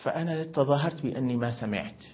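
A man's voice: medium pitch, fast talker, a little hiss or hum. A middle-aged man, a sheikh teaching a grammar lesson, who explains by asking questions and answering them, heard on a muffled recording. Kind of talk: religious grammar lesson with storytelling.

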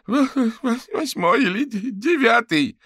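A man voicing a panicking police sorcerer who wails and stammers in a shrill, loud voice. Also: expressive, normal speed, dry recording, studio quality. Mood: hysterical, wailing. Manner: wailing, stammering, hysterical.

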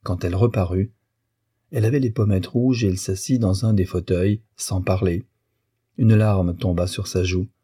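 Male audiobook narrator, low and very dark, husky, measured reading. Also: no echo, clean studio sound. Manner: measured and even, unhurried. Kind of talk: scripted narration of a classic novel.

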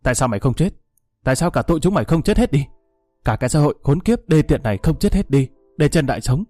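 A man's voice: a little high, lively intonation, quick pace, warm tone, no room sound, soft background music. A man voicing a grief-stricken young man who turns violently enraged, in a read-aloud story. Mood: raging.

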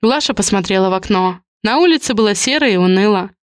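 A woman's voice: mid-range voice, lively intonation, fast talker, no echo. Woman narrating an audiobook, dry close sound.

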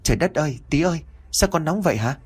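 A man's voice: fairly high pitch, animated, quick pace, breathy edge, pitched above the performer's own voice. A man playing a worried young father who keeps asking anxious questions, in an audio story.

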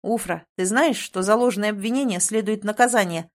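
A woman's voice: fairly high pitch, expressive, fairly quick, lightly acted. A woman voicing a stern, businesslike young prince who is the older brother.

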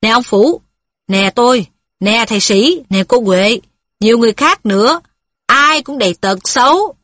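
A man's voice: very high voice, expressive, normal speed, pushed and bright, dry recording, clean studio sound, full character voice. A woman voicing a kindly, plain-spoken middle-aged male worker who talks in an earnest, folksy way. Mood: needling.

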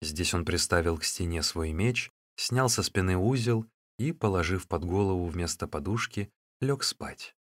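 A man narrating a classic novel as an audiobook in a steady, even reading. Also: low-pitched, a little slow, hardly any pauses, dry recording, clean studio sound. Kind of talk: scripted narration.

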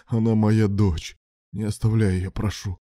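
A man's voice: fairly low pitch, level tone, measured pace, warm tone, no echo, clean studio sound, natural voice. A man voicing a wheezing, dying trapped father. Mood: weak, pleading.

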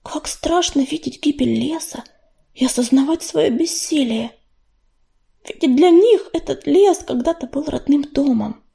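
A shy young she-cat, as a woman reads her asks her questions in a breathy, anxious voice. The tone runs high and mellow. She sounds unsure and eager to be reassured. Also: unhurried. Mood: whispered. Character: young timid female apprentice cat.

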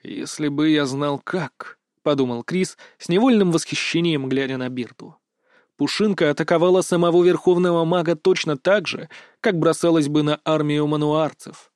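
A man narrating a fantasy audiobook in an even, measured storytelling voice, recorded close to the mic. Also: a little high, dry recording.

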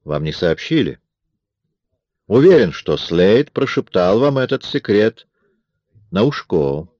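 A man voicing a cold, mocking man in an audiobook, with a smooth, coolly taunting manner. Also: on the low side, big pitch swings, slow, darkish tone, no echo, muffled recording, pitched above the performer's own voice, full character voice. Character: cold, mocking man forcing himself on a woman. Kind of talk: audiobook character reading.

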